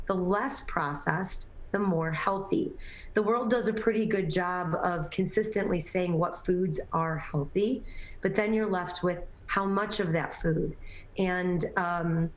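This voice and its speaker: In a reverberant morning TV interview, a woman who works as a personal trainer and nutrition coach talks casually, filling her speech with fillers. Her voice sits on the low side and is slightly scratchy.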